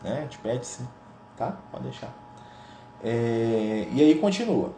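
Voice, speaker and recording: A man's voice: medium pitch, expressive, slow pace, warm tone, slight background noise. A man with a Brazilian Portuguese accent leading a gospel study in a conversational way, often ending his phrases with tag questions. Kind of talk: informal spiritual teaching. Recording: roomy echo.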